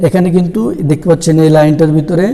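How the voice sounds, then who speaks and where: A man teaching a Quran reading lesson, slowly naming and chanting Arabic letters one by one for his viewers. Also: a little high, big-room sound. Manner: slow, even, drawn-out delivery, letters chanted one by one. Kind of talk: slow step-by-step lesson, reciting Arabic letters.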